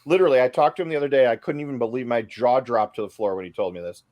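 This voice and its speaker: A man hosting a casual group chat, talking with excited emphasis and repeating phrases. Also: mid-range voice, very fast. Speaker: show host.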